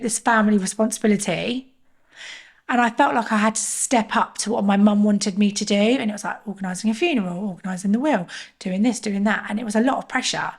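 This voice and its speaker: A woman's voice: a little high, creaky. Earnest woman sharing her story. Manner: earnest, emotional, halting with restarts. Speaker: podcast guest. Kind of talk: personal storytelling in conversation.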